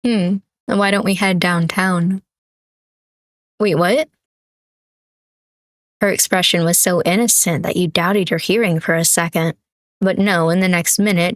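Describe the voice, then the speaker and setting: Low-voiced woman streamer reading a story. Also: moderate pace, no room sound. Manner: relaxed, with asides and self-corrections. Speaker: streamer reading a visual novel. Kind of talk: reading a story game aloud.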